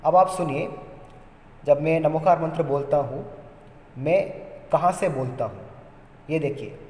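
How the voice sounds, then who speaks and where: A man with a fairly high, mellow voice gives an unhurried spoken pronunciation lesson, often repeating and restarting his phrases. He sounds recorded in an echoey room with a long reverb tail. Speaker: religious teacher.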